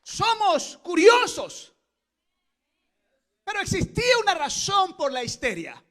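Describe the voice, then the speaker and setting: Male pastor, unusually high and bright tone, preaches with passion and frequent shouted peaks. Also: huge pitch swings, slow pace. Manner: impassioned, rising to shouted exclamations. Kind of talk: Pentecostal sermon. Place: church service.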